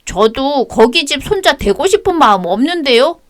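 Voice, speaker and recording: A woman's voice: high voice, big pitch swings, moderate pace, voice pushed up. A stubborn, defiant little schoolboy in a radio drama, as a woman puts him on. The voice is pushed far up into a child's register, insistent and pleading. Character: defiant young schoolboy protecting his mother.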